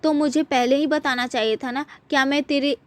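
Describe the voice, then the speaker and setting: A woman's voice: high-pitched, fairly even intonation, normal speed, close to an everyday voice. A woman voicing a moody, proud teenage village girl who talks curtly and sulkily in a storybook retelling. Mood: sulky.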